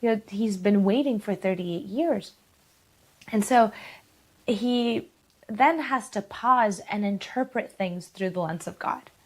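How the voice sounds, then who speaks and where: A woman's voice: mid-range voice, slow pace. A woman hosting a podcast, enthusiastically retelling a Bible story in a chatty way with frequent restarts. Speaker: podcast host. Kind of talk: faith-based podcast conversation.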